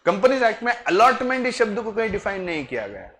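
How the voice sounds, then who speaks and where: A man's voice: sits high, sing-song, fairly bright tone, slight background noise. Man teacher. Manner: teasing, joking with students, switching to slow deliberate explanation. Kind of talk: classroom lecture. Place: classroom.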